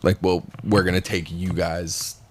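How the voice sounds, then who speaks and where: A man's voice: deep voice, little pitch movement, measured pace. A man in his thirties, co-hosting a podcast in a casual, teasing chat. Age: 30s. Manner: teasing, joking. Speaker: podcast co-host.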